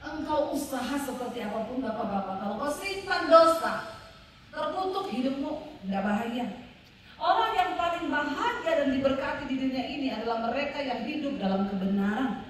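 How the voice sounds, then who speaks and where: A woman pastor preaching an animated sermon, telling stories and calling out to the congregation. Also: sits high, moderate pace, a little hiss or hum. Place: large revival hall. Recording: echoey hall, mic at a distance.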